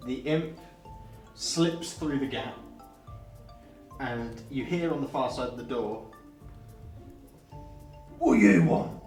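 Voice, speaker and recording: A man running a tabletop game as game master, narrating in a relaxed, chatty way. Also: mid-range voice, takes it slowly, long pauses. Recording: roomy, distant mic, faint music.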